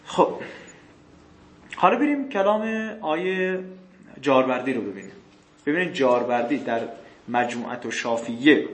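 A man with a fairly high voice teaches a lecture, reading passages slowly and then explaining them faster. He poses questions to his listeners and answers them himself, clearing his throat now and then. The room rings with echo. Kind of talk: classroom lecture on grammar texts.

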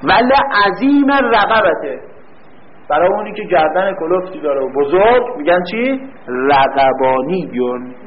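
Lively man teaching, dull lo-fi sound. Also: high voice. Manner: quizzes the class and answers his own questions; reads a line slowly, then explains it quickly. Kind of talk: classroom lecture on grammar. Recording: dull lo-fi recording.

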